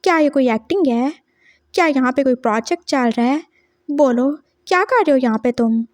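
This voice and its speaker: A woman voicing a lovesick young man who is clingy, pleading and quick to get flustered, read for a fan story. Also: high voice, animated, a little mellow, dry recording, studio quality.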